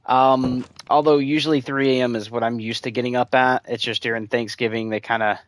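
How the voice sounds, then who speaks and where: A man's voice: medium pitch, fairly even intonation, fairly quick. A man streaming a video game, rambling casually and chatting with his viewers as he plays. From United States. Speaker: gaming streamer. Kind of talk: casual gameplay commentary.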